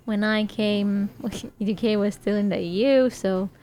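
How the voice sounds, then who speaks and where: A young Romanian woman with a Romanian accent chats casually as a guest, answering in a dry, teasing manner. Her medium-pitched voice is warm and steady, and she speaks unhurriedly over faint background noise.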